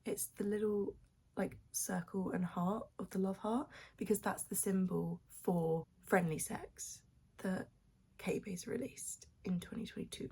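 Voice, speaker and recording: A woman's voice: medium pitch, steady tone, a little slow, a little mellow, slightly rough. A young woman vlogging at home just after waking up, talking in a sleepy, half-whispered, rambling way. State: morning voice, just woken up. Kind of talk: casual morning vlog chat. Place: at home with her cat on her lap.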